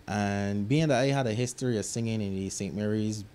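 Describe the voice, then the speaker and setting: A young Barbadian man who produces music reflects casually on his work during an interview in a recording studio. He speaks a little fast in a fairly low voice, at ease and occasionally dropping into local grammar, with some slight background noise.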